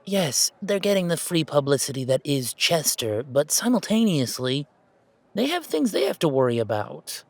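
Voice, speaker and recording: Slightly high and creaky, this man's voice is very animated and fully in character, moving at a moderate pace with no echo. He plays an anxious, affectionate young gamer, self-deprecating and wary of family, rambling fondly and haltingly through a conversational audio roleplay.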